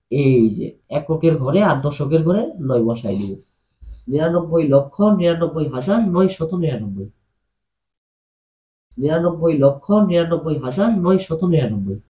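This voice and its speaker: A man's voice: fairly high pitch, dark tone. A man teaching a math lesson, explaining patiently and asking his students questions as he goes. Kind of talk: classroom-style math lesson. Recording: echoey room.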